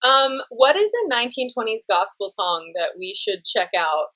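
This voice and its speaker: Brief: upbeat American woman host, slightly high voice, eager and chatty with guests. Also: expressive, normal speed, sharp tone. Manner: bubbly, enthusiastic, laughs often. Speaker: interview host. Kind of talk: casual interview chat.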